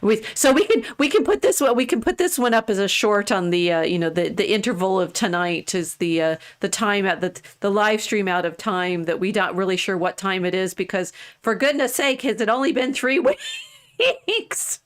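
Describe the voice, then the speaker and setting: A woman's voice: mid-range voice, lively intonation, moderate pace. A woman in her sixties co-hosting a livestream, talking in a rambling casual way with many restarts. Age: 60s. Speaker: co-host of a livestream. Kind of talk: casual chat.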